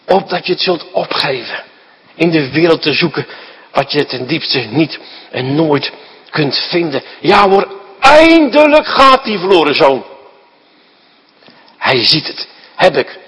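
Husky-voiced preacher with a lively pitch. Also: male voice, in a large hall, low-quality recording. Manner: emphatic, fires rhetorical questions at the listeners. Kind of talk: sermon.

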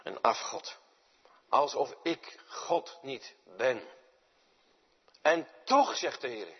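Preacher with dramatic swings. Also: male voice, high-pitched, breathy edge. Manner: dramatic swings from loud to near-whispered. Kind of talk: sermon. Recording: dull sound with long reverb in a large hall.

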